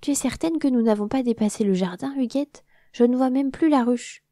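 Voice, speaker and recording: A woman's voice: high-pitched, a little fast, mellow, no echo, clean studio sound, pitched above the performer's own voice. A woman voicing a timid, fearful little queen bee who stammers and frets. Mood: worried.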